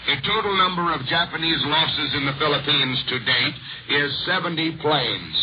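A man reading a scripted war news report in the formal manner of an old-time radio announcer. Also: a little high. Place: radio broadcast from overseas. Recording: noisy, muffled 1940s shortwave radio broadcast.

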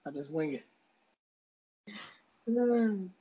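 A man's voice: high voice, lively intonation, very slow, dark tone. A man hosting a podcast, chatting casually over a video call in a rambling, self-deprecating way. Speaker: podcast host. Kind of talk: casual review chat. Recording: dull lo-fi call audio.

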